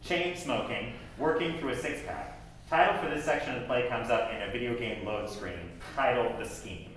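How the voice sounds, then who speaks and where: A man reading stage directions aloud in a plain, steady way at a table read. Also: mid-range voice, normal speed, a little hiss or hum. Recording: echoey room from far off.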